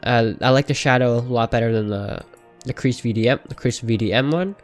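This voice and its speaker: A man with a nasal, pinched-nose voice casually narrating a software tutorial in an informal, enthusiastic way. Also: mid-range voice, a little fast, faint music behind.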